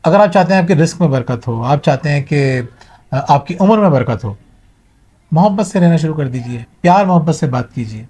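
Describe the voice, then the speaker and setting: A man's voice: on the high side, lively intonation, dark tone, breathy edge. A middle-aged man giving a motivational talk to viewers, earnest and advising, mixing in English words. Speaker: motivational speaker.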